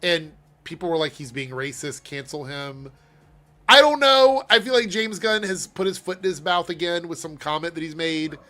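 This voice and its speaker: A man's voice: fairly high pitch, moderate pace, soft background music. A man hosting a casual livestream chat, reading viewer messages and laughing often. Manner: chatty and animated, laughs often. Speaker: livestream host.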